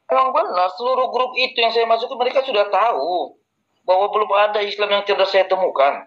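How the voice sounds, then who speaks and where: A pastor arguing in a heated online debate, boastful and insulting. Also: male voice, high-pitched, fairly quick. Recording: muffled lo-fi voice chat audio.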